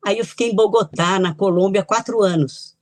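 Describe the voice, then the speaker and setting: A woman's voice: medium pitch, fairly quick. An older woman from Italy speaks as a guest author in a podcast interview. She recounts her life in a chatty, reminiscing way, with light laughs between thoughts. The sound is dry and close, with no room echo. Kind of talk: podcast interview, personal storytelling.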